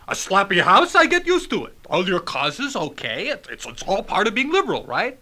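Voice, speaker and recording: An actor playing an indignant, easily flustered husband in a radio comedy sketch, sputtering and stammering. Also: male voice, high-pitched, wildly swooping pitch, normal speed, bright, forceful tone, exaggerated voice.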